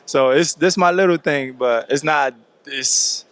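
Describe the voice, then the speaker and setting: A young man from Ivory Coast, a basketball team captain, giving relaxed, easygoing interview answers. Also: a little high, unhurried, smooth, no echo. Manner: relaxed, easygoing, repeats "I mean".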